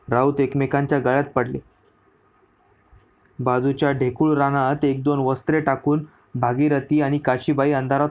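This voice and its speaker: A man narrating a historical story as an audiobook reading, in a steady storyteller delivery. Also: mid-range voice.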